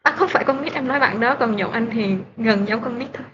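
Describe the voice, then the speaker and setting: A woman with a slightly high voice, chatting politely and warmly as a podcast guest. She teases lightly now and then. The recording is lo-fi and dull, with faint background noise. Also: fast. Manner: polite, friendly, teasing. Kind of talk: casual chat.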